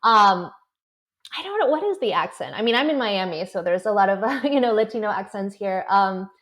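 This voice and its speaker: A woman, a political correspondent, chatting as an interview guest, laughing often and filling pauses with "um" and "you know". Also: medium pitch, very animated, a bit bright. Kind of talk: conversational interview. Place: South Florida.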